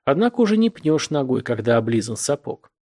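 A man narrating a literary novel aloud in a measured, expressive reading. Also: medium pitch. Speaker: audiobook narrator.

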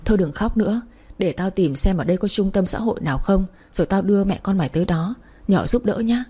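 A woman's voice: mid-range voice, animated, quick pace, warm tone, husky. A woman voicing a coarse, blunt neighbor woman who scolds hard. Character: foul-mouthed tough older woman neighbor.

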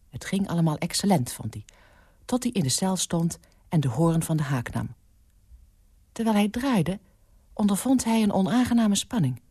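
Low, husky woman reading a story. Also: warm tone, no echo, studio quality. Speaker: radio story reader. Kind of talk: scripted narration.

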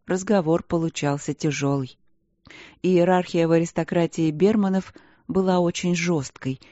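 A woman narrating a fantasy novel in an even, measured reading style. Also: lowish voice, no room sound. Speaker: audiobook narrator. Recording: dry, dull studio recording.

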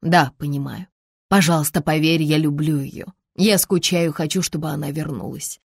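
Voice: medium pitch, fairly even intonation, normal speed, creaky, husky, no echo, clean studio sound. An audiobook narrator voicing a heartbroken grown son who pleads with his mother. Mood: pleading. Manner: pleading, tearful.

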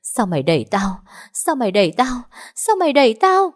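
A woman's voice: on the low side, animated, brisk, darkish tone. A woman voicing a young pregnant woman who turns from affectionate to shrieking and sobbing in pain. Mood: accusing.

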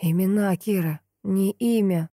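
A woman voicing a stern, wealthy older man who talks gruffly and later wheezes for air. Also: mid-range voice, a little slow, warm tone, no room sound, studio quality. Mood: gasping. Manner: gruff, then wheezing and gasping.

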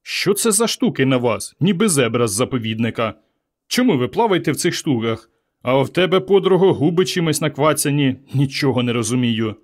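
A man voicing a calm, earnest young woman from the future in a storybook reading, bewildered by old words. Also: medium pitch, brisk. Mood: earnest, puzzled.

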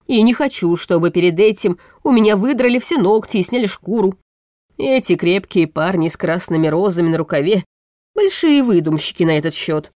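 A woman reading a storybook audiobook, voicing a bitter, sharp-tongued male vice-chancellor in a scornful, snappish way, close to the microphone. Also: mid-range voice, expressive, fairly quick, no room sound, natural voice.

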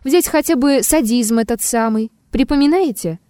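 Woman reading a rude male blackmailer, sneering, mocking, warm fairly high voice, audiobook. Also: lively intonation, moderate pace, dry recording, clean studio sound, lightly acted.

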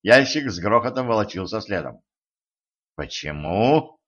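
A man narrating a comic fantasy audiobook in a playful, lively way. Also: mid-range voice, measured pace. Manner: lively, playful character voicing. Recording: slightly dull lo-fi recording.

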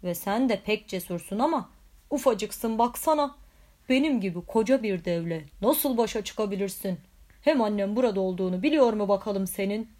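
A woman voicing a kindly old male giant who teases gently in a storybook. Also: medium pitch, moderate pace, natural voice. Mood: teasing. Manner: gentle, teasing.

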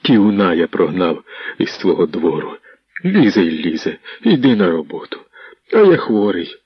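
A man voicing a beaten, bitter peasant in an audiobook, speaking low and sullen, on a dull, dry lo-fi recording. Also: sing-song, normal speed, slightly rough, dry recording, exaggerated voice. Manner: sullen, angry.

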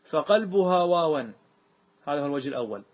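A man's voice: a little high, animated, fast talker, lo-fi sound. A man teaching a grammar lesson, patiently repeating examples and checking that his students follow. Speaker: teacher explaining Arabic grammar. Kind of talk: classroom lesson on a grammar poem.

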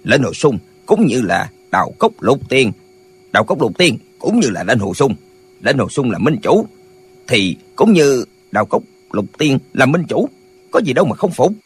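Stubborn old wuxia fighter voiced by a man, insistent, husky, lively pitch. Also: moderate pace. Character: stubborn, face-saving old male martial artist. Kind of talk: audiobook character voice.

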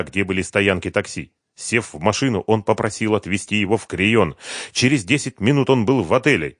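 A man narrating a thriller novel in a steady, measured read. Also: lowish voice, no room sound, clean studio sound. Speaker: audiobook narrator.

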